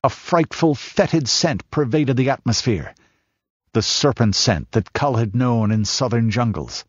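A man reading a dark fantasy tale as audiobook narrator, measured and dramatic, rising as the battle scenes build. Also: mid-range voice, lively intonation, husky, no echo. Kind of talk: scripted narration. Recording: dull lo-fi audiobook recording.

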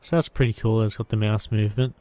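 A man's voice: lowish voice, fairly even intonation, fast talker, darkish tone, no room sound. A man giving casual, rambling gameplay commentary and reading on-screen text aloud. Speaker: gameplay reviewer.

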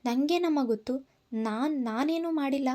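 A woman's voice: high-pitched, normal speed, mellow, close to an everyday voice. A woman voicing a spoiled, obsessive young woman who talks back in a defiant, taunting way, in a storybook reading.

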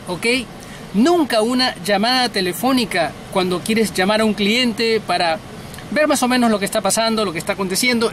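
A middle-aged man with a high-pitched voice gives an informal sales lesson to the camera from inside a car, against a noisy background. A sales trainer and host, he speaks bluntly and emphatically, repeating words for stress.

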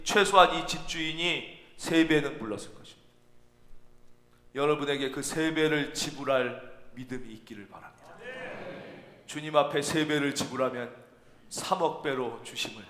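A man preaching a sermon as pastor, animated, acting out imagined voices and repeating phrases for emphasis. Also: on the high side. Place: church sanctuary. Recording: echoey church hall.

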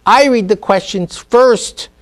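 Speaking slowly in a high voice, a middle-aged speed reading teacher is interviewed on a TV studio set for a business segment. He talks about learning with emphasis and energy.

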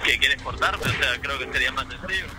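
A young man with a mid-pitched voice argues bluntly in an open park, his words incredulous and defensive. He speaks into a handheld mic while loud music plays over him. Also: brisk, low-quality recording. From Peru. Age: young adult. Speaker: prank target boyfriend. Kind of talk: street prank conversation. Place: outdoor park.

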